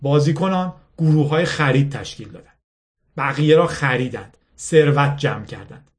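Man reading a novel aloud. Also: lively intonation. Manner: reads dialogue with lifted pitch, pauses to explain terms. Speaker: narrator.

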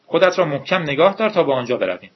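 A lively teenage girl, eager and quick to ask questions, her voice lifted high and a little husky, as a man reading a story puts her on. The recording is dull and lo-fi. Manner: raised pitch, bright and eager.

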